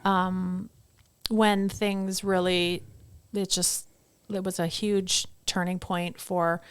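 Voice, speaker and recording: A middle-aged woman talks as a podcast guest in a smooth, resonant voice. She is chatty and upbeat and acts out the quotes in her stories. The sound is dry and close. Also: on the low side, little pitch movement, slow, dry recording. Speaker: podcast guest, headshot photographer. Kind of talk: casual podcast conversation.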